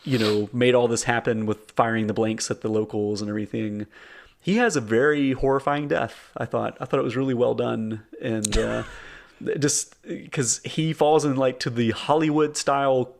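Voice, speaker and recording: A man's voice: medium pitch, fairly even intonation, normal speed, creaky. A man co-hosting a podcast, retelling movie scenes casually with lots of fillers and enthusiasm. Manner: enthusiastic, filler-heavy storytelling. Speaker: podcast co-host. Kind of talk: casual movie review chat.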